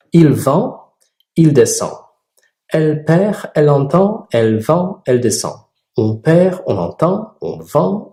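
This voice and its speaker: A man teaching a French grammar lesson, slowly drilling verb forms and clearly articulating each one. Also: on the high side, warm tone, roomy sound. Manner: clearly articulated, repeats each form, emphatic rises on key words. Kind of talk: slow, deliberate grammar lesson with drilled examples.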